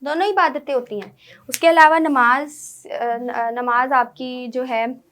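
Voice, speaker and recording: High-voiced woman teacher. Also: steady tone, a little slow, a bit bright. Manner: explains step by step, often asks "right?". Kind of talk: online lecture to schoolchildren.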